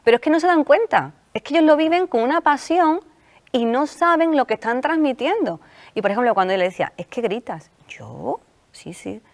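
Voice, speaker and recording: A woman with an Andalusian Spanish accent, a sports psychologist speaking as a guest on a talk show, telling animated stories and acting out the coaches she quotes. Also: high-pitched, quick pace.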